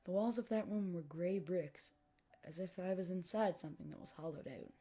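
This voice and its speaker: Low-pitched, mellow woman reading a creepypasta. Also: normal speed. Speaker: narrator reading a horror story aloud. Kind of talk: scripted creepypasta narration. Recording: music behind the voice. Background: music.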